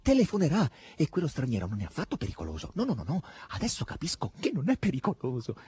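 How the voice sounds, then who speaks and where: A man voicing a husky, exultant young witch. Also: fairly high pitch, huge pitch swings, fast talker, dark tone, pitched above the performer's own voice, heavily acted. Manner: exclaiming, exultant. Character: impassioned young woman turned witch.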